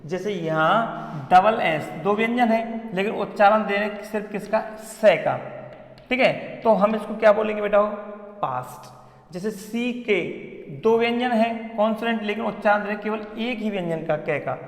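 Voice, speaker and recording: Male English teacher, Hindi accent, high voice, echoey classroom with long reverb. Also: normal speed, creaky. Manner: addresses students as beta, repeats questions to the class. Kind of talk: classroom lesson at a board.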